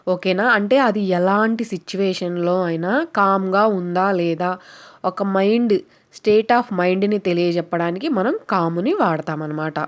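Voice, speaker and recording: Woman teacher, patient explaining. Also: on the low side. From Telugu-speaking India. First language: Telugu. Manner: keeps checking understanding with the listener; slow, careful reading of English example sentences. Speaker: English vocabulary teacher. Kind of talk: explaining lesson to viewers.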